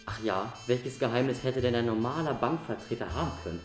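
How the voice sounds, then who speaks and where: A man's voice: mid-range voice, a little fast, natural voice. A man voicing an arrogant young con man who talks down to a woman with smug contempt. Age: young adult. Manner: smug, condescending, mocking. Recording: echoey room with music behind.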